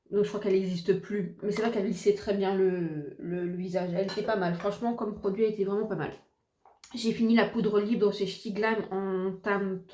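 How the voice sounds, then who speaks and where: A woman's voice: mid-range voice, warm tone. A woman reviewing finished beauty products in a chatty, hesitant way, full of fillers and restarts. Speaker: beauty vlogger. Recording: echoey room.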